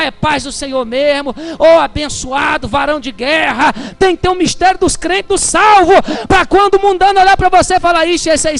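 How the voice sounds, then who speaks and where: Man, Brazilian Portuguese accent, Pentecostal preacher, very high gravelly voice, chatty then shouting, faint music behind. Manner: swings from chatty storytelling to fervent shouting. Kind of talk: Pentecostal sermon.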